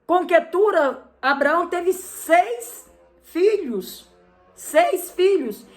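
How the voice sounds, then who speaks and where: A Brazilian woman preacher delivers a sermon in a high, bright voice. Her delivery is emphatic, driven by rhetorical questions that she answers straight away. Her Brazilian Portuguese accent is clear throughout.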